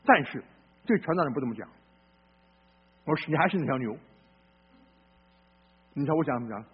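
A male pastor preaching a sermon in a blunt, folksy way, swinging between loud outbursts and low murmurs and asking listeners questions. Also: animated, a little fast, husky, narrow, tinny audio.

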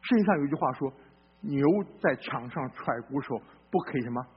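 A male pastor preaching a sermon in a blunt, folksy way, swinging between loud outbursts and low murmurs and asking listeners questions. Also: animated, fast, slightly rough, muffled recording.

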